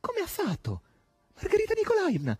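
A man doing a high, hushed, awestruck young maid. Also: huge pitch swings, no echo, studio quality, faint music behind, exaggerated voice. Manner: hushed, wondering, drawn-out.

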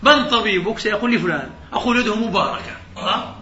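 A fretful deaf old man, as a lecturer acts him out, pleading in a raised, bright, tense voice. He talks quickly and anxiously. The sound is roomy and a little dull. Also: high-pitched, sing-song, voice pushed up, exaggerated voice. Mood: rehearsing. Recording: roomy, slightly dull hall recording.

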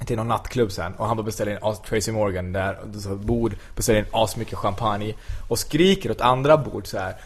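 A man's voice: lowish voice, few pauses, breathy edge. A man telling a funny story animatedly in a casual podcast chat, laughing often.

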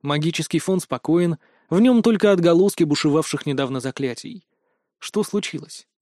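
A male audiobook narrator telling a first-person fantasy tale with steady, dramatic delivery. His voice sits a little high for a man and is recorded dry and close. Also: fairly quick, no echo.

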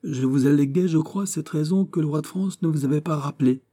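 A man's voice: fairly high pitch, fairly quick, dark tone, pitched above the performer's own voice, lightly acted. A man reading aloud, voicing a stern middle-aged king with a commanding, raised voice.

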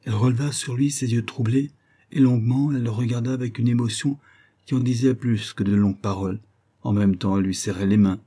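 A man narrating a classic novel as an audiobook, in a measured storytelling way. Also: mid-range voice, steady tone, mellow.

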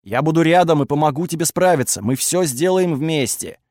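Brief: man playing a calm young hero, coaxing, slightly high, dry booth. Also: a little fast, no echo.

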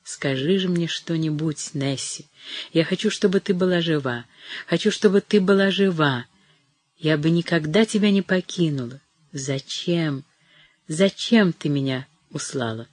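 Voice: mid-range voice, expressive, normal speed, no room sound, natural voice. A reader voicing a young woman frantic with grief over her sister, crying out in a broken, sobbing voice.

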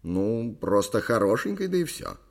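A man's voice: on the low side, big pitch swings, normal speed. A cold, critical inner voice remarks in a dry, sardonic tone, as a male audiobook reader puts it on. It sounds detached and mocking.

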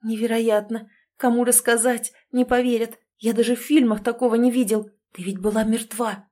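Woman as hot-headed young man yelling, mellow voice, storybook. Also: on the high side, steady tone, normal speed, natural voice. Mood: amazed. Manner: shouting, agitated.

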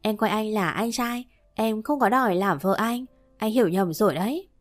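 A woman's voice: medium pitch, moderate pace, lightly acted. A woman voicing a tearful, two-faced young woman who pleads and denies, read in a storybook manner with light music behind. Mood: defensive. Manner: pleading and defensive.

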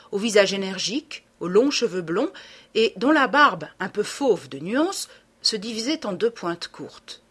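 A woman narrating a classic novel as an audiobook, in a measured, expressive storytelling manner with a slightly husky voice. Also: mid-range voice. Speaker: audiobook reader.

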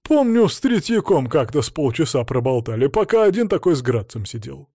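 A man's voice: very animated, brisk, dark tone, breathy edge, no echo, clean studio sound, heavily acted. A man voicing a panicky, squealing middle-aged woman held captive, who shrieks and chatters. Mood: chatty. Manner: shrill, squealing, tearful, chattering.

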